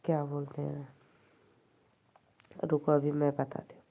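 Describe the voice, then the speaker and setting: A woman's voice: low-pitched, completely flat delivery, measured pace, creaky, dark tone. A woman with an Awadhi accent hosting a live stream, chatting casually with viewers, teasing them and laughing often.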